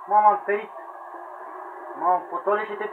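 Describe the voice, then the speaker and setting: A man giving excited gameplay commentary, yelling at characters, pleading with them and laughing as the match goes on. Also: high-pitched. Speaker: gamer commentating own play. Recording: tinny lo-fi sound with faint hiss.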